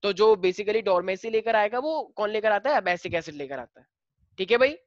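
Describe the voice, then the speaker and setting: A male teacher with an Indian accent explaining biology to a class, switching between Hindi and slowly dictated English lines. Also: high-pitched, lively intonation, no echo, muffled recording.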